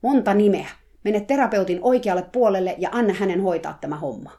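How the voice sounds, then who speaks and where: A woman voicing a bossy head horse trainer who shouts orders loudly. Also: lowish voice, lightly acted. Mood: barking orders. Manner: loud, commanding shouts.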